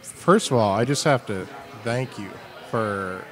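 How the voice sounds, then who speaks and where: A man's voice: on the low side, a little slow, fairly bright tone. A middle-aged man co-hosting a beer show in a studio, cracking self-deprecating jokes and laughing often. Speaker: co-host, sales and marketing. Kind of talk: casual comedic chat.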